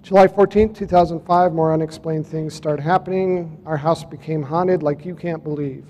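At a UFO conference, a high-voiced man gives a talk presenting photos and clips in a reverberant conference hall. His tone is steady and mellow, his pace moderate, and there's a little hiss or hum; he tells his story casually, reads out dates, and addresses the audience.

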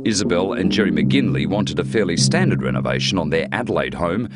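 An Australian-accented man reads scripted narration as a television news reporter, his deep voice animated and fairly quick. Loud music plays under the narration.

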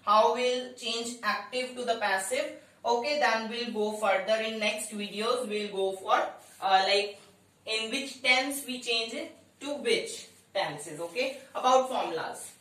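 A woman with an Indian accent teaching a lesson in a deliberate explaining manner, often checking that listeners follow. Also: on the high side, fairly bright tone. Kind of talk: instructional grammar lesson, mixing English and Hindi. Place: indoor room with bare walls. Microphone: distant camera microphone. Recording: very echoey room, distant microphone.

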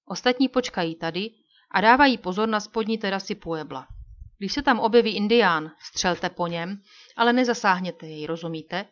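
A woman's voice: medium pitch, muffled recording, lightly acted. A woman voicing a bold, commanding male frontier hero who gives firm orders.

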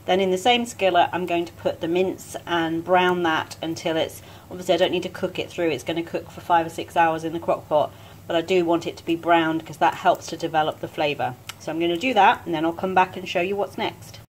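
A woman talking casually through each step of a home cooking demonstration in a relaxed, chatty way. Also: lowish voice, a little fast, a little hiss or hum. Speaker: home cook vlogger. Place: home kitchen.

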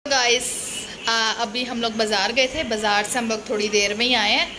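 Speaking in a slightly high voice with a steady tone and moderate pace, a young woman vlogger, who is also a Sunday school teacher, chats directly with viewers. She records indoors in a small home room on a phone at arm's length, and the background is noisy.

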